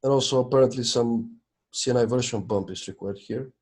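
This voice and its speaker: A man's voice: mid-range voice, brisk, darkish tone, husky. A man talking casually on a video call during a technical meeting, thinking aloud as he checks documents. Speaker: project maintainer in a video meeting.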